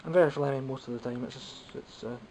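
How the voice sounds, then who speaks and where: Unscripted and speaking from behind a home camera, a young Scottish toy collector vlogger rambles about his haul with dry self-mockery, phlegmy and coughing occasionally. His middle-pitched voice is steady, quick and warm. The camera mic recording is rough, with a faint hiss.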